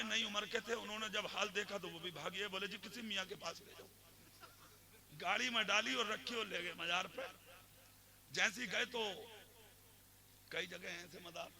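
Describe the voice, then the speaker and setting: A man preaching an Islamic sermon at a religious gathering, telling stories quietly and then shouting the climaxes. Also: high voice, gravelly. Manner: swings from soft storytelling to shouted oratory.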